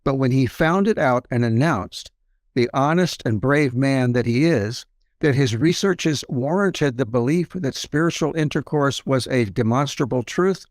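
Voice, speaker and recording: A man's voice: medium pitch, unhurried, no echo. Male researcher talking casually, dry recording. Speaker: interview guest, paranormal researcher. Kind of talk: casual explanatory interview talk.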